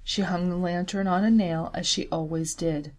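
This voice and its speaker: A woman reading a story aloud in a measured way, slowing on key details. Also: fairly low pitch, steady tone, darkish tone. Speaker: story reader. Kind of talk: scripted story narration.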